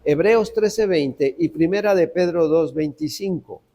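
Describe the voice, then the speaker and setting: A man's voice: on the high side, measured pace, dark tone. A man pastor preaching a sermon, emphatic and repeating key phrases as he speaks straight to the congregation.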